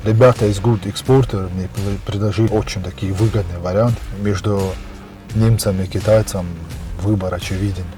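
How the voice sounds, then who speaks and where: Mellow-voiced man giving a promotional testimonial. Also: lowish voice, steady tone, normal speed, soft background music.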